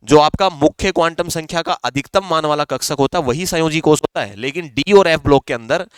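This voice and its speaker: A man's voice: on the high side, clear, resonant tone, no room sound. A male chemistry teacher with a Rajasthani Hindi accent, explaining exam questions step by step and answering his own questions. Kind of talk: exam-prep chemistry lesson.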